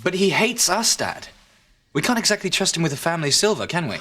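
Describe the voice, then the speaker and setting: Indignant hot-headed son. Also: male voice, on the high side, very animated, fast, bright, forceful tone, heavily acted. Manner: agitated, sarcastic, confrontational. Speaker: son in family business. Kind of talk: soap opera acting.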